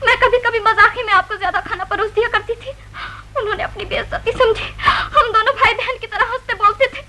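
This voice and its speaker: Brief: a hurt, earnest wife, shrill bright voice, 1940s melodrama. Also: female voice, fairly even intonation, fairly quick, a little hiss or hum, poor audio. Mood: tearful. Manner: earnest, pleading. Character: wronged young wife Sheela, tearful but proud. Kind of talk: 1940s film acting.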